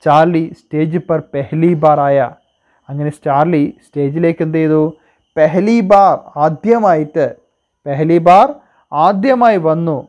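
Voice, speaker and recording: A man's voice: on the high side, darkish tone, dull audio. Malayali man teaching line by line. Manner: reads a Hindi phrase, then translates and quizzes with repeated questions. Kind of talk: Hindi lesson explained in Malayalam.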